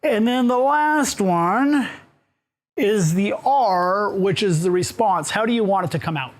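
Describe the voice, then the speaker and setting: A man's voice: high-pitched, expressive, a little slow. A man giving a live workshop to a room of people, talking casually, asking the audience questions and moving around as he speaks. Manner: casual, asks the audience questions, with fillers and restarts. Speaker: workshop presenter. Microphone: room mic, moves around while talking.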